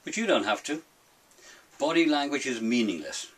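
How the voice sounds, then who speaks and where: A man's voice: medium pitch, very animated, moderate pace. An older British man delivering a grumpy, blunt comic rant, grumbling his opinions with emphatic, theatrical delivery. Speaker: solo monologue presenter. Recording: distant mic, faint noise.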